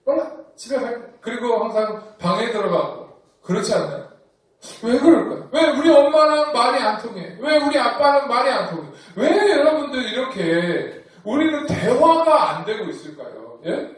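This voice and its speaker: A man's voice: very high voice, sing-song, moderate pace, far from the mic. A man preaching a youth sermon, coaxing the kids with questions. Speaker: youth pastor. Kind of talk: sermon to teenagers. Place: church hall. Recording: echoey room, voice from afar.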